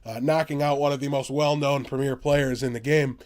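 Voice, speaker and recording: An American man co-hosting a gaming podcast, chatting casually and excitably, quick to laugh. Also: mid-range voice. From United States. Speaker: podcast co-host.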